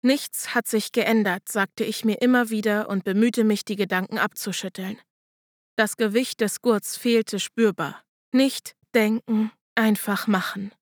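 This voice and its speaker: A woman narrating a first-person audiobook in a steady, measured reading voice. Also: mid-range voice, no echo, clean studio sound.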